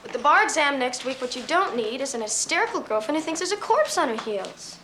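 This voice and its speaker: A woman's voice: high-pitched, expressive, brisk, sharp tone, a little hiss or hum, rough recording. An actress playing an anxious but independent young woman in a 1970s TV drama. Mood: wry, firm.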